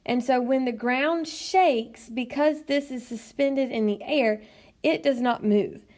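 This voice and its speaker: A woman teacher narrating a recorded lesson in a patient, explanatory way, often pausing with "um". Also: high voice, a little mellow. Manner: patient, explanatory, frequent "um" fillers. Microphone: tablet screencast mic.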